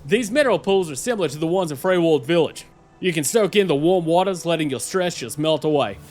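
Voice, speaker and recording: Nature documentary parody, man playing an Australian wildlife host, fairly high voice, chummy, enthusiastic, music behind. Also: animated, fairly quick, darkish tone, natural voice. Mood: relieved, delighted. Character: cheerful, adventurous Australian male wildlife presenter.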